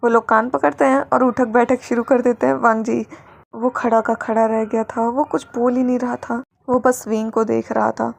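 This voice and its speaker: Woman reading fan fiction aloud, high voice, a bit gravelly, lively. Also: normal speed. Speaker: storyteller. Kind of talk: fan fiction story narration.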